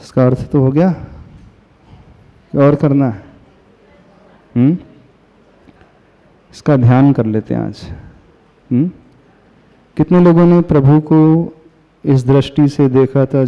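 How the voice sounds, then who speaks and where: A man, a Jain monk, delivering a devotional sermon, asking his listeners questions and chanting verses slowly. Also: mid-range voice, steady tone. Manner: slow, asks the audience questions. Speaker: Jain monk giving a discourse. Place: hall with listeners. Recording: reverberant hall, dull lo-fi sound.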